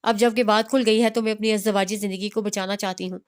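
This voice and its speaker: A woman's voice: mid-range voice, steady tone, smooth, lightly acted. A woman reading the part of an unhappy young married woman who tearfully defends her marriage. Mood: defensive.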